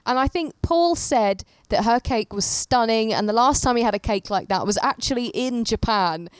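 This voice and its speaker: A young woman co-hosting a podcast, chatting playfully about a baking show and trailing off into soft asides. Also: fairly high pitch, animated, normal speed, smooth, no echo. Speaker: podcast co-host. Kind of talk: casual chat reviewing a baking show.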